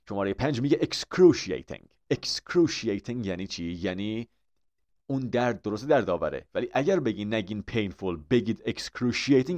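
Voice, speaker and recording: A low-voiced man with a Persian accent works through a vocabulary lesson. He explains each word patiently, posing questions to his listeners and answering them himself. The recording is muffled and lo-fi. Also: a little mellow. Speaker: English vocabulary teacher.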